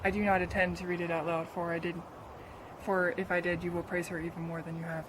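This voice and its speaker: A woman playing a grieving friend of a slain queen, a sly orator who speaks haltingly, in an amateur play. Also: on the low side, level tone, background noise, lightly acted. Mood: coy. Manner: halting, hesitant speech-making.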